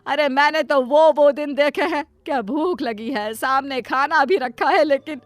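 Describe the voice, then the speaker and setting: A doting, long-suffering cartoon mother, voiced by a woman with a high voice. She pleads softly and plaintively. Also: a little slow, dry recording, faint music behind. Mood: defensive. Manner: pleading, soft-hearted, plaintive. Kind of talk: Hindi cartoon voice acting.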